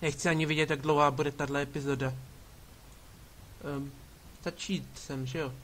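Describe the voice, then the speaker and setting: A man's voice: fairly high pitch, steady tone, fairly bright tone, a little hiss or hum. A man giving casual commentary while playing a game, bossing his party members around with sarcastic asides. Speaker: let's play gamer. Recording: game music behind voice. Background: game music.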